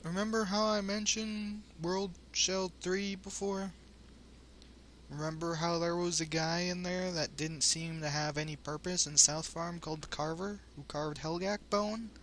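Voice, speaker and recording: A man's voice: high-pitched, fairly even intonation, a little slow, fairly bright tone, rough recording. A man hosting a let's play with casual, wry commentary that rambles into asides. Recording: home commentary with faint noise.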